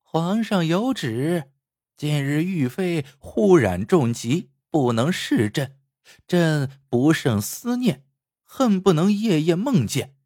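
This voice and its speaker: A man doing a slow, proclaiming palace eunuch. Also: fairly high pitch, very animated, a little mellow, dry recording, studio quality, pitched above the performer's own voice, heavily acted. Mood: solemn. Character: imperial eunuch solemnly reading an edict.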